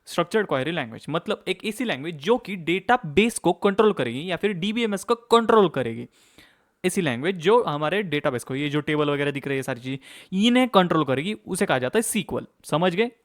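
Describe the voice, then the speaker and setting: A young man teaching a course over a screen share, talking fast in a casual way and checking in often with "okay". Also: fairly high pitch, expressive. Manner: fast-talking, mixes English terms into Hindi, frequent "okay, theek hai" check-ins. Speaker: course instructor.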